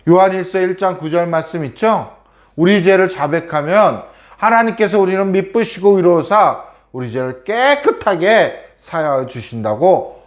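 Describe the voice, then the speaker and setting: A man from Korea giving a children's sermon as a preacher, telling the story and asking the children questions. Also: on the high side.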